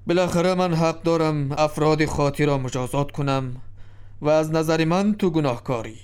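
A man's voice: on the high side, darkish tone, clear, resonant tone, lightly acted. A man voicing a shrewd king who questions and commands in a told story. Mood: commanding. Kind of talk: storybook drama reading.

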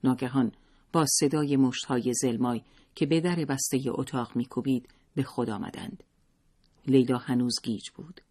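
A man narrating a story in a steady, measured storytelling manner. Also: mid-range voice, breathy edge.

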